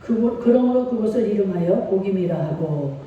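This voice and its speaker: A woman's voice: mid-range voice, lively intonation, moderate pace, narrow, tinny audio, a little hiss or hum. A middle-aged woman pastor preaching a sermon with feeling and call-and-response. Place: church sanctuary. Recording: echoey church hall from far off.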